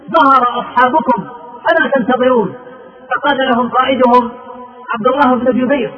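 Man preaching, very high voice, tinny phone-like sound, fervent storytelling. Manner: fervent storytelling with quoted speech. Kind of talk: sermon narrating early Islamic battle history.

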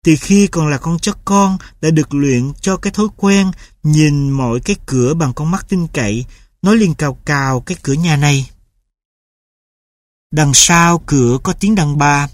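A woman calmly narrating a storybook in a steady reading voice. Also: low voice, moderate pace, no echo. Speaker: audiobook narrator.

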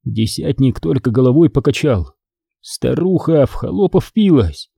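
A man's voice: medium pitch, big pitch swings, normal speed, creaky, warm tone, slightly rough, no room sound, clean studio sound. A man narrating a historical novel as an audiobook reader.

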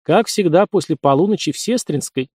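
A woman's voice: lowish voice, lively intonation, a little fast, dark tone, husky, no echo, clean studio sound, pitched above the performer's own voice. A man doing a lovesick young nurse. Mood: pleading. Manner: chirpy, pleading.

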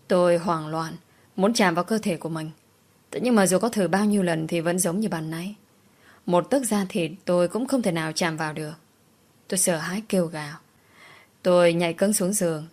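A woman's voice: fairly low pitch, a little mellow. A woman narrating a first-person audiobook story with a mournful, emotional delivery.

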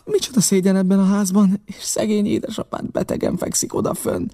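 A man's voice: sits high, expressive, creaky, warm tone, pitched above the performer's own voice, full character voice. A man voicing a frightened innkeeper's wife and mother who wails in alarm. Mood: panicked. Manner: wailing, alarmed.

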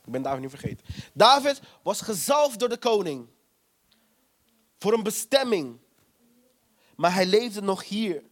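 A man preaching a sermon, emphatic and repetitive, retelling scripture with quoted voices. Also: sits high.

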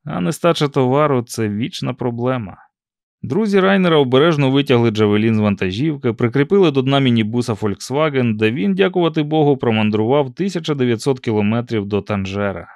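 Brief: male audiobook narrator, middle pitch, dry and ironic first-person delivery, close and dry recording. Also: lively intonation, fast talker, vocal fry, a little mellow, no room sound.

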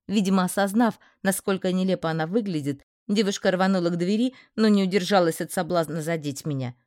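A woman narrating a first-person fantasy audiobook in a steady, expressive storytelling manner. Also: lowish voice, brisk, dry recording, clean studio sound.

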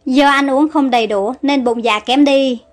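Woman doing a caring, brisk young noble lady. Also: high-pitched, faint music behind, natural voice. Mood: kindly brisk. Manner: brisk, gentle commands.

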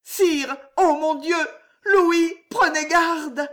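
A woman's voice: high-pitched, animated, measured pace, a bit bright, pitched above the performer's own voice. A woman reading an audiobook, voicing a passionate, tearful young woman pleading with a king. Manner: pleading, emotional, breathy at times.

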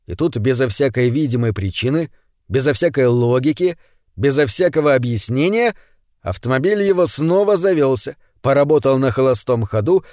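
A man narrating a story as an audiobook reader, reading in an expressive, animated way. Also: mid-range voice, no room sound, clean studio sound. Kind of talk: scripted narration.

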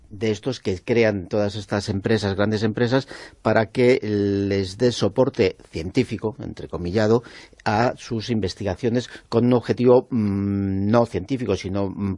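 Male radio contributor, lower voice, measured and hesitant explainer, dry close sound. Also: warm tone, no room sound. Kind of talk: explaining a news story on a radio show.

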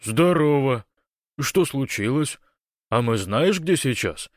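A man voicing a big, excitable man who jabbers hurriedly over a radio, raised and loud, in a dry recording. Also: mid-range voice, takes it slowly, no echo, pitched above the performer's own voice. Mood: flustered.

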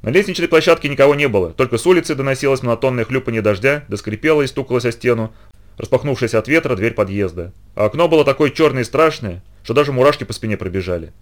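A man narrating a story in the first person with an expressive, lively delivery. He reads at a brisk clip in a mid-range voice. It has the feel of a literary reading. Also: medium pitch.

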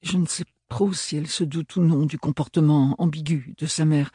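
A timid young woman, put on by a male narrator, speaks hesitantly and a little breathlessly, her voice lifted and husky. The sound is close and dry, as in an audiobook reading. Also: a little high, fairly even intonation, normal speed, dark tone, no room sound, voice pushed up. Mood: pleading. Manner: hesitant, stammering.

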